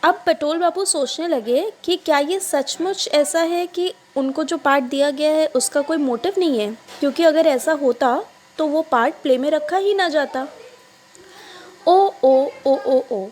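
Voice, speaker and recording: A woman teacher reading an English story aloud slowly to children, then explaining each line in Hindi and checking that they follow. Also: high-pitched, slight background noise.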